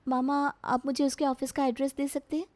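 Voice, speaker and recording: Brief: woman voicing a sweet young bride, soft, mellow tone, dry close sound. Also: high-pitched, level tone, brisk, dry recording, lightly acted. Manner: polite, soft. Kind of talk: storybook voice acting.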